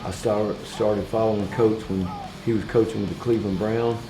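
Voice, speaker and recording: A man who is an assistant football coach from Alabama, speaking earnestly in interview soundbites, with frequent halting restarts. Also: lowish voice, flat delivery, reverberant, over music, low-quality recording.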